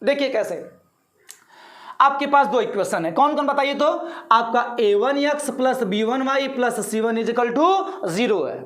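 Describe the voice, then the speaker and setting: Teaching math online, a man speaks in an extremely high, expressive voice with a fairly bright tone. He reassures his pupils, holds their attention with repeated questions, and slowly repeats each step for them to recite along.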